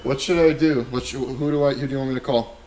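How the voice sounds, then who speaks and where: Animated joking podcast host, a man. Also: medium pitch, fast, slight background noise, rough recording. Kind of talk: casual chat.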